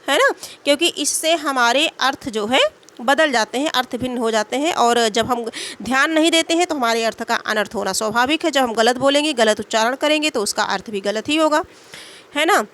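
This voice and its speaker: A woman's voice: high-pitched, a bit bright. A woman teaching a grammar lesson, explaining each point and repeating it with rhetorical questions.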